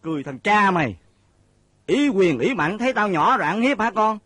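An actor playing an anxious, fretful young servant son in a Vietnamese reformed opera, pleading with comic stammering, with a southern Vietnamese accent. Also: male voice, sits high, very animated, moderate pace, breathy edge, full character voice. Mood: indignant. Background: loud stage music.

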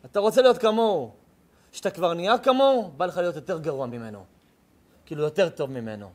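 A man's voice: on the high side, animated. A man, a rabbi, giving a sermon with emphatic, punchy repetition.

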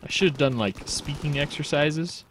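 A man giving casual, jokey commentary while streaming a game, breaking into quick exclamations. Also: a little high, a bit bright, slight background noise. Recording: game gunfire under the voice. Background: game gunfire and explosions.

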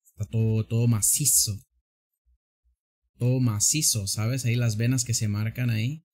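A man's voice: medium pitch, steady tone, normal speed, darkish tone. A man streaming a drawing game, joking, exclaiming and laughing often. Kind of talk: casual gameplay commentary.

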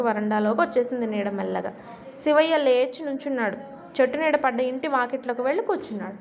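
Teacher telling a story, high voice. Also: female voice. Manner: slow, explaining and asking the class questions. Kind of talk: storytelling lesson for children. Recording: dull lo-fi recording.

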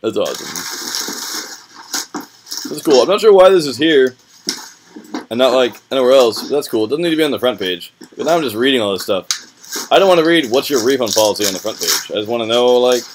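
Here a young man reviewing a website talks through what's on his screen in casual, rambling slang, relaxed and informal. He has a mid-range voice with lively intonation, speaks a little fast and pauses often, and there's background noise in the small room he's in.

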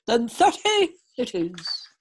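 A woman voicing a gruff, commanding male king in a storybook reading, with a loud, blustering manner. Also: fairly high pitch, very animated, slow, heavily acted. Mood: scheming.

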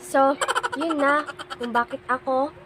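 A woman's voice: high-pitched, steady tone, slow pace, noisy background. Small-voiced giggly young woman vlogger. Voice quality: small soft voice. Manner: giggly, laughs often. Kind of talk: casual chat.

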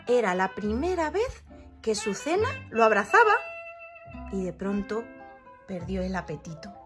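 A woman's voice: medium pitch, unhurried, over music. Woman reading a children's story aloud. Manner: expressive, varied delivery.

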